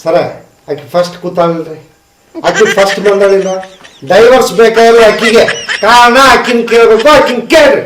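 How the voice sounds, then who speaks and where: Male actor as a whiny, complaining husband, North Karnataka accent, very high pitch, echoey room. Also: fairly even intonation, normal speed, fairly bright tone, slight background noise. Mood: stubborn. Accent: North Karnataka Kannada. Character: melodramatic whining husband, young adult man. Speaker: husband seeking divorce. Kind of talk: comedy sketch acting.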